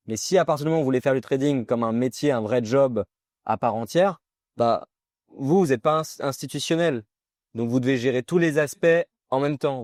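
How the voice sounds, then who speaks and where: A man hosting a casual interview, talking in a relaxed, chatty way with many fillers and slangy asides. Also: medium pitch, no room sound, studio quality. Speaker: host.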